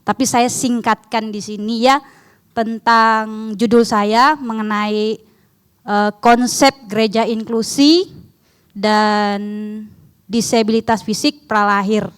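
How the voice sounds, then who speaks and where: A young woman from outside Indonesia, not a native Indonesian speaker, talks through her research informally in accented Indonesian, often turning questions to the audience. She speaks slowly in a slightly high, steady, clear and resonant voice.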